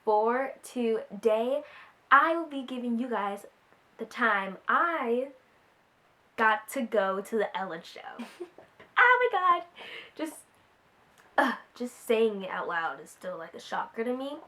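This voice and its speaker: A woman's voice: on the high side, measured pace. A teenage girl telling a story to her vlog audience, giggling often and packing her talk with fillers. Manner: giggly, excitable, filler-heavy retelling. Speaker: vlogger.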